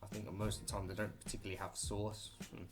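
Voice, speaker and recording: A man's voice: on the low side, level tone, fast, soft background music. A young British man talking through a list of things to do at home, rambling and jokey with offhand asides. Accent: British English. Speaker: vlogger. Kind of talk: casual listicle monologue.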